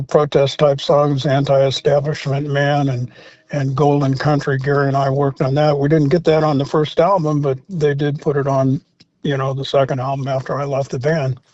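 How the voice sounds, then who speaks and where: Older male guest, slightly high voice, rambling anecdotes, dull lo-fi dry sound. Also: a little mellow, no echo. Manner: rambling anecdotes with many fillers and restarts. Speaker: interview guest, former rock singer. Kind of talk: storytelling in a casual interview.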